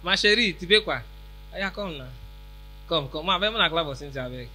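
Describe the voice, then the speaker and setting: A man's voice: a little high, expressive, quick pace, a little hiss or hum. A young man with a Nigerian accent, hosting a comedy show on stage with a handheld mic, teasing a guest in playful pidgin banter. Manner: teasing, playful, loud bursts. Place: large tented event hall, on stage.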